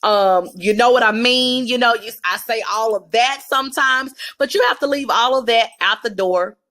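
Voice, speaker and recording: A woman's voice: fairly high pitch, moderate pace, bright, forceful tone. A woman with a Southern US accent, giving candid, emphatic career advice straight to camera in a casual vlog.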